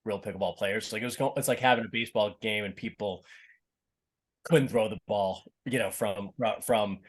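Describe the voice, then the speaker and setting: With a fairly low pitch and moderate pace, a middle-aged Boston actor with a slight accent chats casually in a podcast interview. He tends to ramble, often restarting sentences and leaning on fillers.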